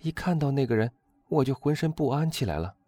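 A frightened noble lady pleads in a high, strained voice, put on by a man reading the story. Her voice swings widely as she begs. The sound is dry and close. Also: lively intonation, brisk, warm tone, no echo, lightly acted. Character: frightened noble countess, woman, anxious and pleading.

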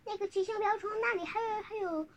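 A child telling a picture-book story informally, halting, repeating words and asking the listener questions. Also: extremely high pitch, dull audio, background noise.

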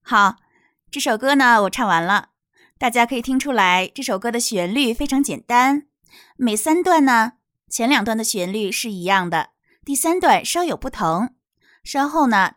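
A woman teaching English pronunciation from a picture book, explaining slowly and demonstrating words. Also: a little high, lively intonation, no room sound, studio quality.

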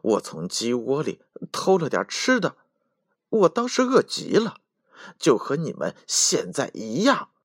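A man voicing a small, frightened but clever male mouse in a children's storybook, with a high, squeaky, pleading voice. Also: wildly swooping pitch, measured pace, slightly rough, no echo, studio quality, exaggerated voice.

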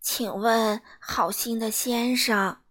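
A woman voicing a polite old washerwoman asking for help, slow and soft. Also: a little high, steady tone.

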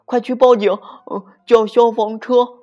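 A storyteller voicing a brave young boy rabbit who shouts urgent instructions. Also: mid-range voice, flat delivery, a little slow, highs cut off, pitched above the performer's own voice, lightly acted. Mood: alarmed.

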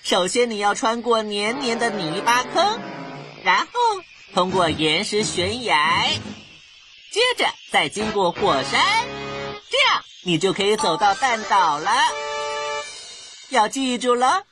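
A woman's voice: medium pitch, expressive, slow pace. A woman voicing a cheerful, helpful talking map in a children's cartoon, laying out steps in a singsong, repetitive way. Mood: helpful, upbeat. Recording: music behind the voice.

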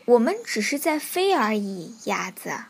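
A woman's voice: fairly high pitch, very animated, unhurried, gravelly, breathy edge, full character voice. A woman voicing a group of puzzled little dragonflies in a children's story.

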